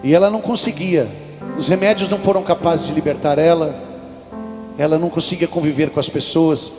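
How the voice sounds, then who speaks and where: A man's voice: on the high side, fairly quick. A Brazilian man preaching at a religious event, telling a personal story and speaking directly to the congregation. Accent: Brazilian Portuguese. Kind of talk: sermon. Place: large hall at a religious event. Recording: live hall reverb with music behind.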